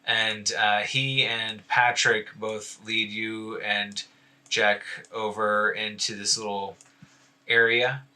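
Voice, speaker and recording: A man's voice: lowish voice, level tone, slow pace, bright, forceful tone. A man narrating as dungeon master, rambling loosely with many fillers. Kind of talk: narrating a tabletop game.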